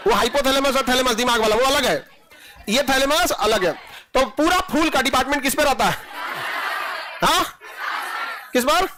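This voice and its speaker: A man teaches biology, drilling students and cracking jokes. His voice sits very high and sounds bright and forceful. Faint classroom chatter and noise run underneath. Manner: playful, jokes with students, quizzes them repeatedly.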